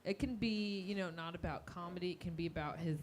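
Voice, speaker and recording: A woman hosting a live talk show, asking questions and cracking quick, teasing jokes. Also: on the low side, a little hiss or hum.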